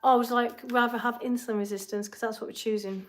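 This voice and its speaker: Talking fast in a slightly high voice with fairly even intonation, an English-accented fitness coach answers questions on a casual live stream from her home kitchen. She rambles chattily and drops asides while cooking.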